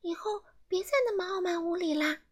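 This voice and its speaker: A woman voicing a small fairy elf who gives a soft, high warning in a children's story. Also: brisk.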